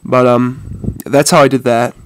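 Speaking unhurriedly in a clear, resonant, medium-pitched voice with little pitch movement, a man demonstrates a phone in a casual tech tutorial. He has a head cold that leaves him congested and stuffy-nosed, and he comes across as hesitant and informal, calling his viewers "guys."

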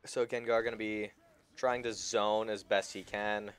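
A man's voice: on the low side, little pitch movement, measured pace, clear, resonant tone. A young man casting an esports match, explaining the game in an analytical way while he chews his food. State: talking while chewing food. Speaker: esports caster.

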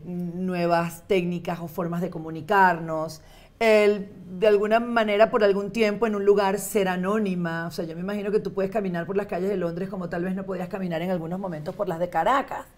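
A woman's voice: on the low side, darkish tone. A woman hosting a casual interview on a video call, asking long, chatty questions. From Venezuela. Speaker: host.

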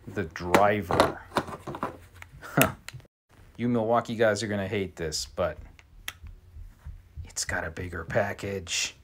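A man's voice: lowish voice, a bit bright, a little hiss or hum. A man giving a casual product review of tools, with wry, joking asides. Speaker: tool reviewer.

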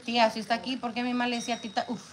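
A woman's voice: fairly high pitch, very fast. Young woman joking from her hospital bed, noisy room all around. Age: young adult. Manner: wisecracking, joking. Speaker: patient after neck surgery. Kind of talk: casual family chat mixing Spanish and English. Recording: hospital room with steady background noise.

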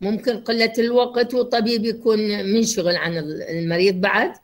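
A woman's voice: medium pitch, fairly even intonation, brisk. A woman doctor with an Iraqi Arabic accent giving a university lecture, explaining with acted examples and questions to her students.

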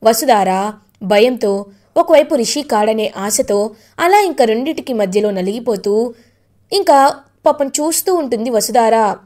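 A woman's voice: fairly high pitch, lively intonation, a little slow, long pauses, darkish tone. A woman retelling a TV serial episode in a sympathetic storytelling manner. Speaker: TV serial recapper.

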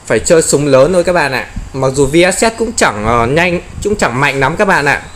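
A man giving excited gameplay commentary, often exclaiming and playfully taunting enemies. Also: fairly high pitch, a little fast, a little hiss or hum.

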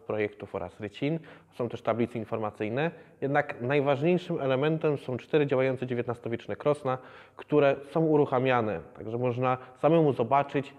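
A man in his thirties, a museum educator, explaining the exhibition in a measured way with many hesitations. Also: mid-range voice, in a large hall, muffled recording. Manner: measured, with frequent hesitation fillers. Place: museum exhibition hall, indoors.

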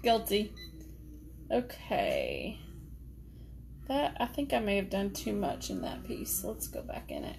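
A woman's voice: medium pitch, wildly swooping pitch, slow, creaky, long pauses, darkish tone, slight background noise. A middle-aged woman, chatting casually and laughing often while she curls her hair in her home office. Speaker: hair tutorial vlogger. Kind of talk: casual live chat while styling hair.

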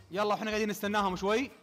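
A young man calls a fighting-game match in a very high, bright voice. He fires off quick play-by-play that jumps into excited shouts. His voice sounds worn out from a long stream, and faint music plays underneath. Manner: excitable, rapid-fire calls that burst into shouts. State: voice worn out from commentating. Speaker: tournament commentator. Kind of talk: live esports play-by-play commentary.

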